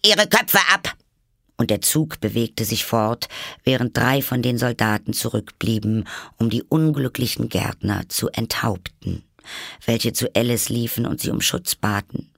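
A man reading a storybook aloud as narrator, with expressive delivery. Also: medium pitch, unhurried, vocal fry, dry recording, studio quality. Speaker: audiobook narrator.

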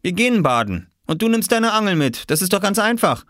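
A man's voice: sits high, brisk, no room sound, studio quality, voice pushed up. A man doing Viktor, a laid-back, amused boy. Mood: easygoing. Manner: relaxed, amused.

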